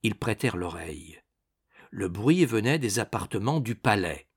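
A man narrating an adventure novel as an audiobook, with dramatic, expressive storytelling. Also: on the low side, normal speed, slightly rough.

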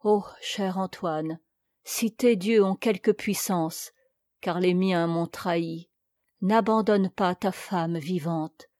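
A woman reading the lines of a proud, despairing queen of Egypt in a solemn, slow, pleading voice in a storybook narration. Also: medium pitch, darkish tone, no echo, studio quality, close to an everyday voice.

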